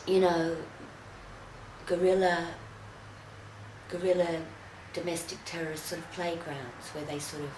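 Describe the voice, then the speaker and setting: Low-voiced woman, halting. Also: level tone, a little mellow, echoey room, a little hiss or hum, poor audio. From Australia. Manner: halting, full of fillers and restarts. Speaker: video commentator. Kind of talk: casual commentary.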